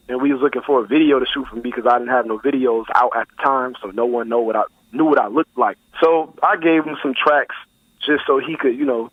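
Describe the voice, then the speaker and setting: Over a thin, tinny phone connection with a dry sound and no room ambience, a medium-pitched young man of nineteen discusses his rap music. He's from Buffalo, New York, and keeps the interview easygoing and slangy.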